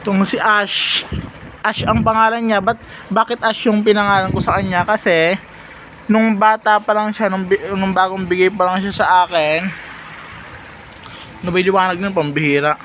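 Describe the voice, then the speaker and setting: Playful high-voiced young man doting on cats. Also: steady tone, normal speed, pauses often, fairly bright tone, slight background noise, low-quality recording. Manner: playful, doting, talks to his cats with sudden squealing exclamations. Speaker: vlogger. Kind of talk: casual vlog talk to camera.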